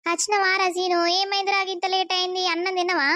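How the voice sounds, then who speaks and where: A worried village mother, voiced by a woman fusses over her son in a high, quick voice. The cartoon lines sound close and dry. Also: level tone, pushed and bright, dry recording. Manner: fussing, questioning.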